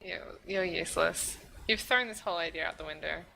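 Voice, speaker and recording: Gravelly, bright Australian woman chatting. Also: lowish voice, fairly quick, faint music behind, poor audio. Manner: chatty, teasing, slangy. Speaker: stream co-host. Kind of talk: casual stream chat.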